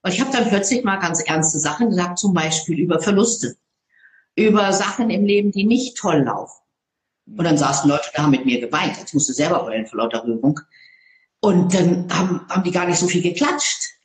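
A woman who speaks on stage, telling stories in an interview in a lively, expressive way. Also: on the low side, brisk, echoey room. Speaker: public speaker. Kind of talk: interview conversation.

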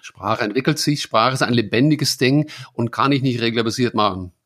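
A middle-aged man from the Netherlands with a Dutch accent, explaining in a casual chat, thoughtful and halting with many fillers. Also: mid-range voice, fairly bright tone. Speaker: guest expert.

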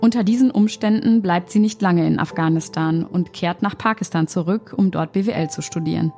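Mellow-voiced woman interviewer, calm questions and narration, faint music in the background. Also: fairly low pitch, brisk.

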